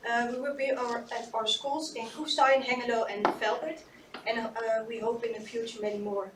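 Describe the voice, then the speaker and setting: A woman's voice: a little high, little pitch movement, normal speed. A twenty-one-year-old woman presenting a student project, hesitant with fillers. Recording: echoey room, distant mic, noise.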